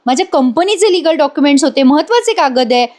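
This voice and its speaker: A woman's voice: high-pitched, expressive, quick pace, a little mellow, voice pushed up. Woman reading a flustered evasive young man. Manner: stammering excuses.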